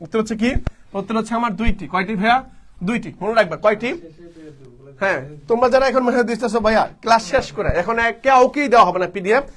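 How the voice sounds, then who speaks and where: Fast, high-voiced male tutor. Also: fairly bright tone. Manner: repetitive call-and-response teaching, asks and answers himself. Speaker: online admission-test tutor. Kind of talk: live online class.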